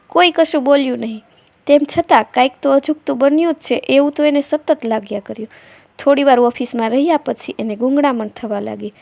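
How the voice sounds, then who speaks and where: A woman narrating a family story in a steady, measured storytelling manner. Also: high-pitched, gravelly, no echo.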